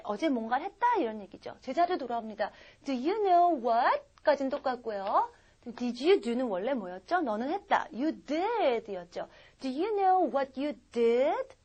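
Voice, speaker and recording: A woman teaching an online English grammar lesson in a chatty, lively way, asking the class rhetorical questions. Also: sits high.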